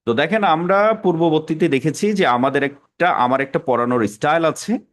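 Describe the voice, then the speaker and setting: A man teaching an English pronunciation class, explaining patiently and repeating example words slowly. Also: a little high. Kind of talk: classroom lesson.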